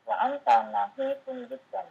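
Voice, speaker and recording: Raspy woman reading arabic lines slowly, lots of fry, low-fi sound. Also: narrow, tinny audio. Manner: slow, hesitant reading. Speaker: student. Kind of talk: reading an Arabic dialogue aloud.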